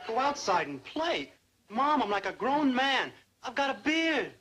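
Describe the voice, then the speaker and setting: Naive male beatnik, high swooping voice, hip slang, vintage TV sitcom. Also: big pitch swings, measured pace, fairly bright tone, full character voice. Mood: baffled, hurt. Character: laid-back naive young bearded male beatnik. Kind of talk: 1950s-60s TV sitcom acting. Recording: old TV soundtrack with audience noise.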